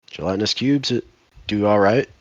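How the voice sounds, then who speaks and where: Male tabletop player, low voice, casual and conversational, dry close sound. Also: no echo, lo-fi sound. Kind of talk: casual chat.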